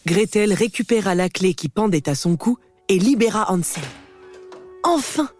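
A woman narrating a fairy tale for a storybook recording with expressive, lively delivery. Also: mid-range voice, normal speed, soft background music.

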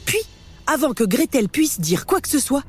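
Expressive woman reading a fairy tale. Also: high voice, normal speed, faint music behind. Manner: expressive, lively storytelling. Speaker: narrator. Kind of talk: scripted storybook narration.

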